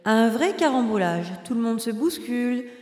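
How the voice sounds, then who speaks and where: A woman narrating a children's story in the first person, expressive and playful. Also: a little high, moderate pace.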